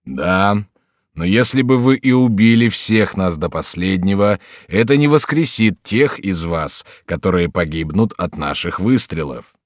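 A composed, courteous French officer speaks in a low, deep voice that stays steady and dryly ironic, as a male audiobook reader gives him voice. The sound is close and dry, with no room around it. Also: measured pace, no echo. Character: polite, composed French officer, middle-aged man.

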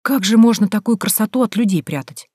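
A woman voicing an excitable, curious female friend in an audiobook, speaking in eager exclamations. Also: on the low side, brisk, slightly rough, no room sound, studio quality. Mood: excited. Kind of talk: audiobook character voice.

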